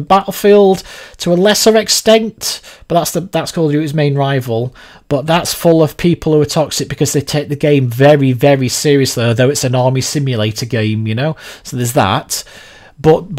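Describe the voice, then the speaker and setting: Rambling streamer, high voice. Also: male voice. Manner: rambling, chatty, quick laughs. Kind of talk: casual livestream chat.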